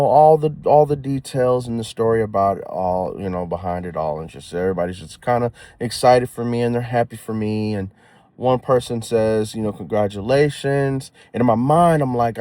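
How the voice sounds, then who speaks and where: A young man telling a story in a casual vlog, slangy and animated, swinging from giddy excitement to hushed, somber talk. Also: medium pitch, no room sound. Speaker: new dad telling a story.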